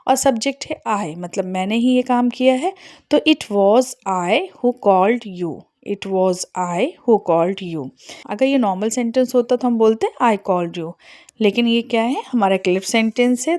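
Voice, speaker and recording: A woman with an Indian accent teaching an English lesson, explaining step by step and repeating each example slowly. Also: a little high, a little mellow. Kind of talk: spoken language lesson.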